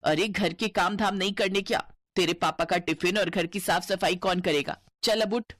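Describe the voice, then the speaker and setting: A woman's voice: on the low side, normal speed, no echo, studio quality, close to an everyday voice. A woman voicing a harsh, cruel stepmother in a cartoon story, scolding in a bossy way.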